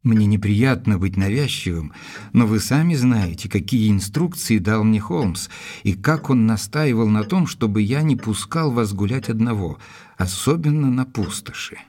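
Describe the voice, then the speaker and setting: An actor playing Dr Watson, an earnest, dutiful gentleman narrating his report in a measured, literary manner for an audio drama. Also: lowish voice, animated. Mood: concerned. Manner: measured, deliberate, literary phrasing.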